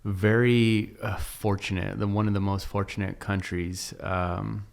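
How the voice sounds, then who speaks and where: A man hosting a podcast, chatting in a relaxed, agreeable way with halting restarts. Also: fairly low pitch, creaky. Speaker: podcast host. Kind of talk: casual podcast chat.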